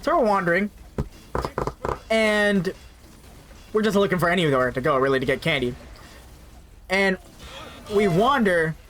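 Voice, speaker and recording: High-voiced young man telling a story. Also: lively intonation, measured pace, pauses often, fairly bright tone, a little hiss or hum. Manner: rambling, repeats words, frequent "right?" asides. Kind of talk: casual spoken storytime.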